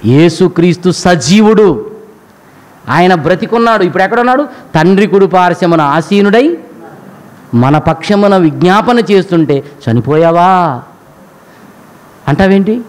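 A man's voice: high-pitched, expressive, normal speed, pauses often, rough recording. A man preaching a sermon, addressing the congregation with frequent rhetorical questions. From India.

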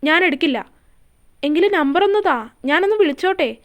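A woman's voice: very high voice, animated, a little fast. A woman voicing a young man in love who coaxes and teases in a story reading. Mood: coaxing. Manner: coaxing and teasing.

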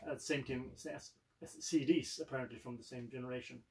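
A man's voice: mid-range voice, steady tone, fairly quick. Swedish man in his forties, joking. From Sweden. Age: 40s. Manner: dry joking. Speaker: musician and concert host. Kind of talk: casual stage chat. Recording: from a distance.

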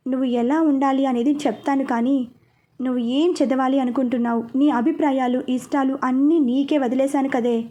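A woman's voice: high-pitched, steady tone, normal speed, mellow, natural voice. A woman voicing a stern, protective young man in a storybook reading, speaking firmly and with authority. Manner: firm, commanding.

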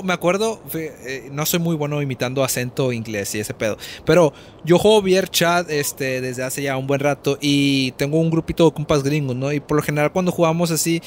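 A man's voice: on the high side, a little hiss or hum. A young Mexican man with a Mexican Spanish accent, chatting casually over a game, swearing and laughing a lot. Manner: slangy, swears freely, laughs often. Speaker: gameplay streamer. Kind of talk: casual let's-play commentary.

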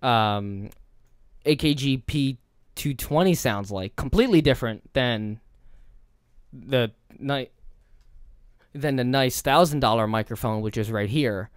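A man casually chatting in a studio vlog, testing and comparing microphones, excitable and full of restarts. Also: mid-range voice, a little slow, pauses often, clean tone. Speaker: vlogger. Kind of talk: casual gear-review chat. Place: studio room. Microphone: studio condenser mics, swapped between models.

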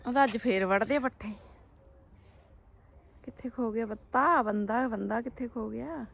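A Punjabi-accented woman with a high, piercing pitch talks casually through farm chores for a family vlog. She is dramatic, exclaiming and scolding as she goes. There is some noise around her voice. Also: normal speed, creaky. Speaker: family vlogger.

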